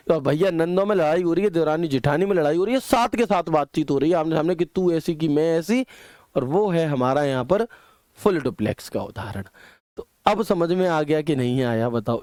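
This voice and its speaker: Clean, dry studio audio captures a male computer teacher's slightly high, darkish voice during a classroom lecture. Chatty and full of homely examples, he keeps asking "ठीक है" to make sure his students are following.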